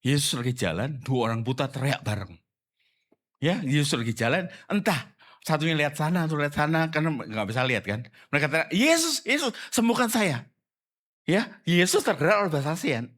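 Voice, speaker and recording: A male pastor giving a conversational sermon, animated and quizzing his congregation with quick questions. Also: on the high side. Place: church service.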